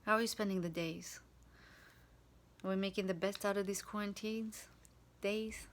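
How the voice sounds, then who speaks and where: A woman whose first language is Hebrew, talking in a casual spiritual vlog and often pausing to search for words. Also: medium pitch, steady tone. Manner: slow, searching for words, many fillers and restarts. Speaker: vlogger.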